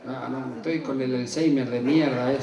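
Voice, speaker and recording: A man's voice: mid-range voice, fairly even intonation, moderate pace, warm tone, highs cut off. An Argentine man telling folksy rural jokes with country slang to a live audience from a stage. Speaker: comedian. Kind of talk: live rural stand-up storytelling. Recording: echoey hall with a distant mic, crowd and noise.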